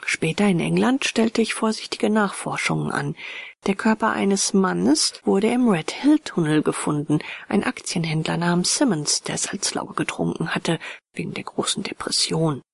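Husky woman reading a ghost story. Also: on the low side, lively intonation, no room sound. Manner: measured, hushed, often whispery. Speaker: audiobook narrator. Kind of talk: scripted narration of a ghost story.

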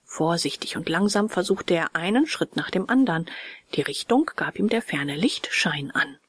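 A woman narrating a children's storybook in a hushed, often whispery voice. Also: on the low side, expressive, moderate pace, breathy edge. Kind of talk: storybook reading.

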